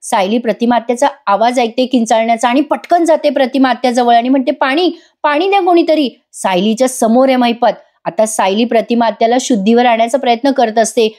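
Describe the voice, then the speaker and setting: A woman giving a voice-over recap of a TV serial, telling it in a lively way and speaking straight to her viewers. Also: a little high, fairly quick, hardly any pauses. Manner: lively storytelling, addresses viewers directly. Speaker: serial reviewer.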